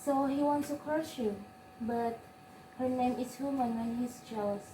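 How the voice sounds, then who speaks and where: A woman's voice: high-pitched, unhurried, mellow. A young woman with an Indonesian accent playing a kindly old grandmother in a school English drama. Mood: sympathetic. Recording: echoey room, noisy background.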